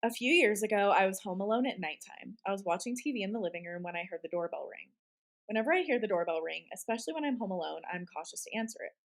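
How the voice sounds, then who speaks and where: A woman with a medium-pitched voice co-hosts an informal spooky story show. She moves between reading aloud and casual chat, sounding giggly and reactive throughout. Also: animated, fast. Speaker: podcast co-host. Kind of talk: casual chat and reading listener-submitted scary stories.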